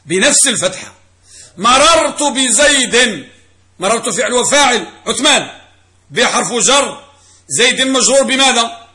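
A man's voice: extremely high pitch, expressive, moderate pace, sharp tone. A middle-aged man teaching a classroom grammar lesson as a religious teacher, quizzing students and repeating key phrases.

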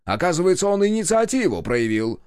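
A man's voice: sits high, very animated, brisk, a little mellow, clear, resonant tone, no room sound, clean studio sound, pitched above the performer's own voice. A man doing a fuming, bossy police inspector. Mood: exasperated. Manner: exasperated, scolding. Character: irritable bossy middle-aged male police inspector.

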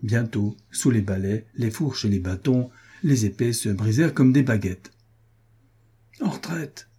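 A man narrating an audiobook in a measured, even reading. His voice is dark and husky, low in brightness and a little rough. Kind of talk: scripted narration.

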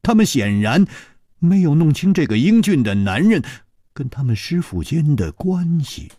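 A man's voice: a little high, sing-song, moderate pace, dry recording, clean studio sound. Dramatic male storyteller. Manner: dramatic, sinking to hushed tones. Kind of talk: audiobook storytelling of a martial arts novel.

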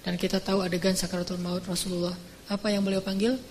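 Conversational male preacher, lively storytelling. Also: high voice, slight background noise. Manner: conversational, slangy, acts out dialogue; slows and softens at emotional points. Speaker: Islamic preacher. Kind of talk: casual sermon storytelling. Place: live lecture venue with audience. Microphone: audience phone recording.

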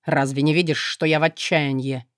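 A woman voicing a proud male demon lord of shadows in an audiobook, speaking low, measured and unhurried. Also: steady tone, no room sound, studio quality, natural voice. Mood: solemn. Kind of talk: audiobook character voice.

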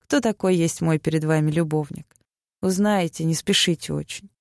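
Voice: mid-range voice, normal speed, creaky, no room sound, clean studio sound, lightly acted. A reader voicing a bold, defiant young merchant's wife who answers with scorn and mockery. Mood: scornful. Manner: mocking, scornful retorts.

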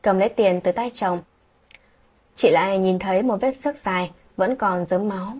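A woman narrates a late-night story in a soft, breathy voice that sits at an ordinary middle pitch. She reads every character's lines herself, shifting her voice only a little from role to role. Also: normal speed.

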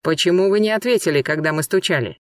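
A man's voice: high-pitched, fast talker, no room sound, clean studio sound, far from the mic, close to an everyday voice. A man voicing a stern male police detective who barks orders and demands answers. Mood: demanding.

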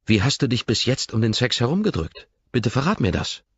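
A man's voice: mid-range voice, very animated, brisk, slightly rough, no room sound, dull audio, voice pushed up. A man voicing an intense, controlling rich young man, with a pressing, urgent way of talking in an audiobook reading. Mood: pressing, agitated.

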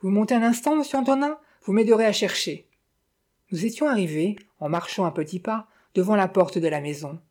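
A woman reading a detective novel aloud in a measured, steady storytelling manner. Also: on the low side. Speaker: audiobook reader. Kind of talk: scripted novel narration.

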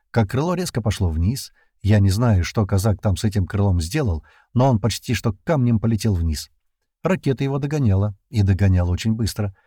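A man narrating an adventure audiobook in the first person, in a steady storytelling manner. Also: lowish voice, slightly rough, no echo, studio quality.

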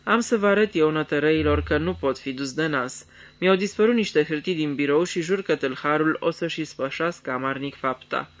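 A man's voice: a little high, a bit bright. A man voicing a cold, scheming young lord in a radio theatre reading, icy and commanding, flaring into thundering anger. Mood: furious.

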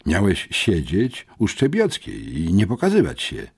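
A man's voice: low voice, wildly swooping pitch, a little slow, creaky, breathy edge, pitched above the performer's own voice, heavily acted. A man reading an audiobook, voicing a nervous, indignant teenage schoolboy detective.

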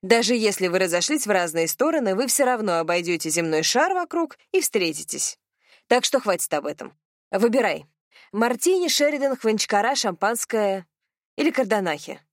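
A woman voicing a practical young woman who reassures her friend in a brisk, lively way. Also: medium pitch, no echo, studio quality. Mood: reassuring.

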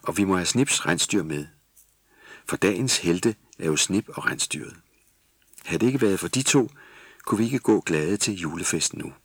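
A man voicing an excitable young male Christmas elf, high and loud, in a storybook cassette. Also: husky, no room sound, heavily acted. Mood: cheerful.

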